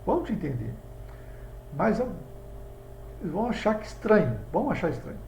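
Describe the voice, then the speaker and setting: High-voiced Brazilian teacher in echoey room. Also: male voice, sing-song, brisk, creaky, dark tone. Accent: Brazilian Portuguese. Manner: explanatory, talks students through examples on a board. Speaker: English teacher. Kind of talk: video lesson. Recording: echoey room with faint background hum.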